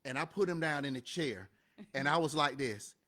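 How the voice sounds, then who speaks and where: A man co-hosting a live show, telling stories in an animated, emphatic, motivational way. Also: medium pitch, normal speed. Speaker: co-host of a live show and podcast. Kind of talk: motivational casual talk.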